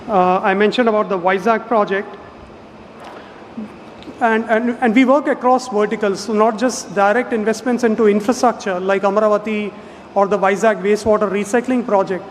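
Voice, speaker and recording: A man representing a development bank gives a formal, businesslike speech at an investment summit, measured and often pausing to hesitate. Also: sits high. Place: large conference hall. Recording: reverberant hall with faint background noise.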